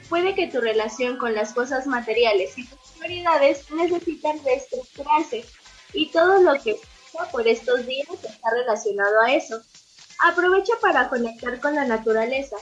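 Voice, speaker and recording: A high-pitched woman with a husky, breathy tone reads horoscopes sign by sign. Her voice comes through a dull, muffled connection. She keeps an even, unhurried reading pace. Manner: steady reading, lightly informal. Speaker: horoscope reader. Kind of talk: reading horoscopes on a radio show.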